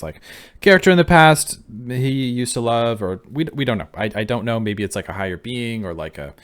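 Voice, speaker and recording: A man's voice: fairly low pitch, clean tone. A man giving casual reaction commentary, musing and thinking aloud as he goes. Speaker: video reactor. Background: faint music.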